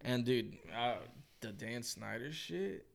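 A man's voice: mid-range voice, lively intonation, slow, vocal fry. A young American man co-hosting a casual sports podcast, reacting in profane, slangy frat-bro talk. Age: young adult.

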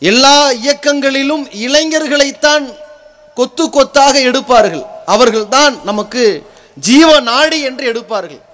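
High-pitched man preaching in thunderous oratory. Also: a little slow. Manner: forceful, declamatory, rhetorical build-up in short phrases.

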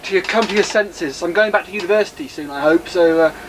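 A flustered, exasperated young man, played by a man who stammers and speaks straight to viewers in a homemade sketch. His voice sits fairly high. Clear background noise runs under this homemade video recording. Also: quick pace, natural voice. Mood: weary. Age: young adult. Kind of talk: amateur comedy sketch with direct address to viewers.

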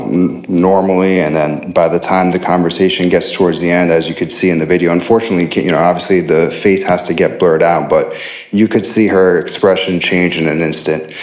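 A man calling in as an anonymous source with his voice run through a deep disguise filter, telling his account in a steady, matter-of-fact way over an online call. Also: a little fast, echoey room, poor audio. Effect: voice disguise filter making the voice deep. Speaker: caller, anonymous insider source. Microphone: online audio call.

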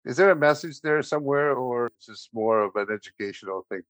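A man hosting a podcast interview, speaking in a halting way with fillers and restarts. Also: mid-range voice, fairly bright tone, no room sound. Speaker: podcast host. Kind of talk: casual interview chat. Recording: dull lo-fi podcast audio.

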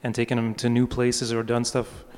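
A man asks an interview question in a steady, level voice with little pitch movement. His voice sits at a middle pitch and carries a long echo from the room. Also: normal speed.

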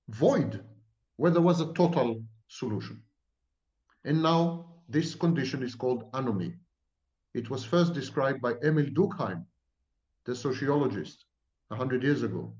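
Unhurried yet animated, an Israeli psychology professor appears as a guest and lectures at length, emphatic and repetitive, with sweeping claims. His mid-range voice is a little mellow, and the recording is roomy and muffled.

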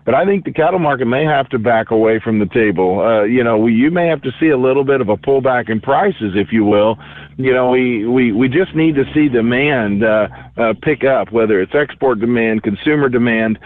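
A man's voice: medium pitch, fairly quick, no echo. Man, over the phone, tinny narrow line, dry, folksy rambling talk, market guest. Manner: folksy, rambling with many fillers. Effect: heard over the phone. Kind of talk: casual market commentary.

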